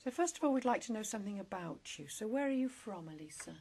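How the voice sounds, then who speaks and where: A woman conducting a spoken language exam, reading out questions and instructions in a formal, measured tone. Her voice is gravelly with a husky edge. She stays polite and even throughout. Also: mid-range voice. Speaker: speaking test examiner.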